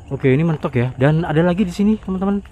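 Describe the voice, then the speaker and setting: A man with an Indonesian accent doing a casual, halting exploration vlog outdoors at night, talking to his viewers in murmured asides and exclamations. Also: a little high, animated, phone-quality sound. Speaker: vlogger exploring an abandoned site at night. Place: outdoors in overgrown wooded area at night. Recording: outdoor night noise, insects.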